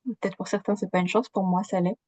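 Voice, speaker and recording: Speaking fast in a steady, slightly mellow medium-pitched voice, this young coach from Switzerland guests on a podcast. It's a relaxed interview where she chats freely, laughs easily and leans on lots of fillers. There's no room sound.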